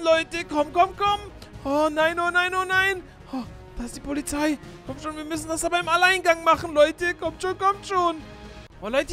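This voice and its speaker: A young man narrating a game role-play to his viewers with excitable, surprised exclamations. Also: extremely high pitch. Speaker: YouTuber playing through a Minecraft role-play.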